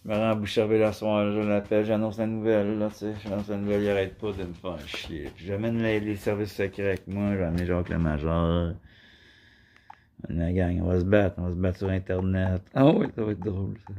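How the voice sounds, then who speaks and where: A man's voice: lowish voice, fairly even intonation, brisk, dark tone, slight background noise. A man with a Québécois French accent, rambling in a casual vlog monologue and speaking straight to the viewer. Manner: meandering, addresses the viewer directly, frequent filler "là". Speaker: vlogger.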